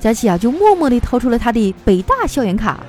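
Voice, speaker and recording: A woman's voice: a little high, sing-song, fast talker, a little mellow. A woman radio host reading out listener jokes in a playful, chatty way. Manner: playful, chatty, mimics voices for quoted people. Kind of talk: casual comic storytelling.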